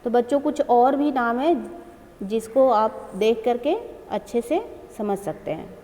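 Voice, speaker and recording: A woman's voice: a little high, slow, dark tone, big-room sound. A woman teaching a grammar lesson to children, explaining and repeating each word.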